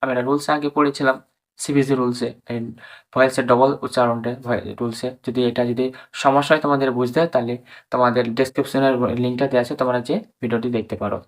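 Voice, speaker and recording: Man slowly teaching pronunciation. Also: medium pitch, little pitch movement. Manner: slow and repetitive, drawing out each sound; addresses viewers as friends and urges them to understand. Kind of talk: spoken lesson, spelling words out letter by letter.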